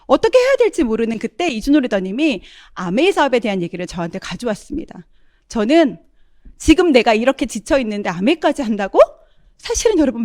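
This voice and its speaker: A woman's voice: on the high side, no echo, studio quality. A middle-aged woman giving a testimonial talk, often turning to address her audience as she tells her story.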